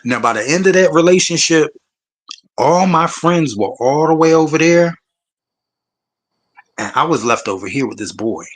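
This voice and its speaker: A man's voice: fairly high pitch, expressive, normal speed, long pauses. A man tells his own story to a panel. He talks emphatically and bluntly, with a lot of swearing, like a conversation between friends.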